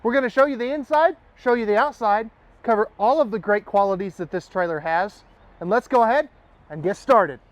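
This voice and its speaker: A high-pitched man talking a little fast shows off a travel trailer in an RV dealership walkthrough, and the recording has its highs cut off. He's upbeat and chatty with casual asides, his voice slightly nasal from allergies.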